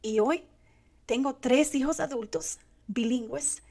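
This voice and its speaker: A middle-aged woman from Latin America gives an earnest motivational monologue to the viewer, speaking slowly and deliberately with pauses between short, emphatic phrases. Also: sits high, darkish tone. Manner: earnest, speaking directly to the listener. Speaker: host.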